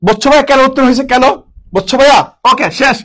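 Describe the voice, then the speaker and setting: Young man, exam-prep tutor. Very high, quick delivery, repeats key words and answers his own questions. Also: a bit bright, poor audio. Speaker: teacher.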